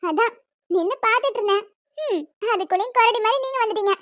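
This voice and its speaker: Very high-voiced cheeky girl student in an audio drama, played by a woman, dry dull lo-fi sound. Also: quick pace, dry recording. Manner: playful and teasing. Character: bold cheeky young woman student in love.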